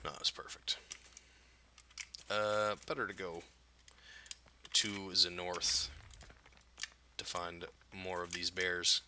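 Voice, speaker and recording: A man's voice: low-pitched, level tone, slow, pauses often, noisy background. A man giving casual, profane, jokey commentary over his own gameplay and talking back to the game characters.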